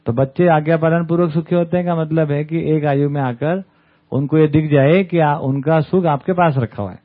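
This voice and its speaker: A man gives a relaxed talk to a camp study group, often pausing to check his listeners are following. His voice sits a little high. The sound is narrow and tinny, like a phone line. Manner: conversational, often adds "है ना?" tag questions. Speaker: camp speaker. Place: camp hall with an audience.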